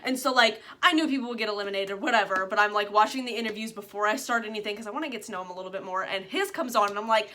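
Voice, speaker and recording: A woman's voice: medium pitch, racing, few pauses, bright, forceful tone. A woman hosting a casual reaction chat, explaining things to her sister in a rambling way, full of fillers and restarts. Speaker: channel host explaining K-pop to her sister.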